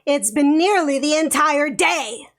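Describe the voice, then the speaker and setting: A woman's voice: high-pitched, animated. A woman voicing a haughty, bratty male crow demon who talks down to others in a nasal voice. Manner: speaks down, slow and lordly.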